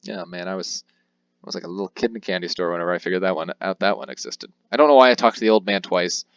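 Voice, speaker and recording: A young let's play host with a deep, clear, resonant voice talks quickly through his handheld game playthrough. He rambles casually, jokes at his own expense and reads game text in various voices. There's no room sound, but the highs are cut off.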